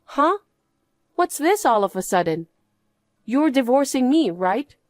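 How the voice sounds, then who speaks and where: A woman's voice: sits high, sing-song, measured pace, a little mellow, dry recording. A woman playing a scornful betrayed wife in a story drama, scolding and dismissive. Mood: indignant. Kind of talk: dramatised story narration and dialogue.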